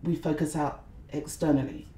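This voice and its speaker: A middle-aged London woman, a blogger and conference organiser, speaks earnestly as a guest in a reflective interview, often saying "you know". Her low, warm voice is steady and at normal speed, in an echoey room.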